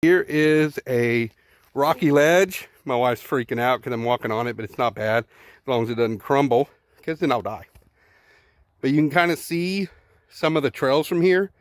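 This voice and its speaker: Exploring the outdoor ruins of a zoo, a middle-aged Texan vlogger holds his phone camera and narrates casually, thinking aloud and repeating words. His mid-range voice moves at a moderate pace, and the sound is dry and clean, like a studio.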